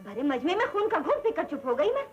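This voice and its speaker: A woman's voice: high voice, big pitch swings, fast talker, dull audio. An actress playing a harsh, commanding mistress of a household in a 1960s film, scolding her servant. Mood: angry. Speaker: lady of the house. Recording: old film soundtrack with music.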